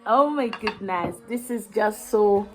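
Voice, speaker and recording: A woman with a Nigerian accent hosting a casual eating vlog, chatty, with drawn-out exclamations and hums as she eats. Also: mid-range voice, over music. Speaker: mukbang host.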